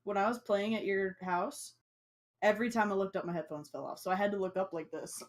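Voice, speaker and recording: A woman's voice: mid-range voice, steady tone, fairly quick. A woman chatting and teasing her friends before a tabletop game. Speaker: player. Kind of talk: casual chat among friends.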